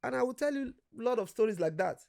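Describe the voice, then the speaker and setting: A man's voice: extremely high pitch, lively intonation, fast, gravelly, a little mellow. A man from Nigeria, a guest in casual conversation, telling stories animatedly, acting out quoted voices and swearing freely.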